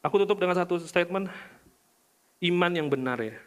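A young man preaching a casual sermon to a youth service, animated, swinging from loud to hushed. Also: sits high, a little fast.

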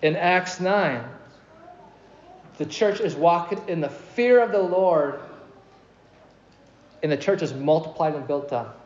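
A man preaching a sermon as pastor, animated and asking his congregation questions. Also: on the high side, takes it slowly, pauses often. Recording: echoey, dull hall recording.

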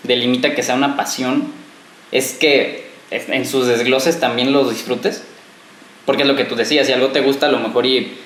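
A man's voice: medium pitch, little pitch movement, moderate pace, fairly bright tone. A man, co-hosting a podcast, summing up and explaining step by step. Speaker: podcast co-host. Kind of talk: casual group chat. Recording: echoey room with faint noise.

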